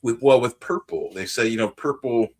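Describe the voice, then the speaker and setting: A man's voice: medium pitch, normal speed, darkish tone. A man hosting a casual podcast chat, rambling and hesitant, often restarting his sentences.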